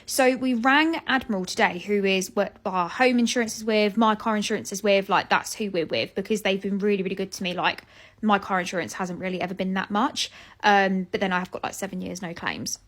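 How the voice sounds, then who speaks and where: A young British vlogger tells a story straight to camera in a loose, chatty way, sounding exasperated and swearing casually as she goes. Her voice is mid-range for a woman with a fairly bright tone, and she speaks fairly quickly.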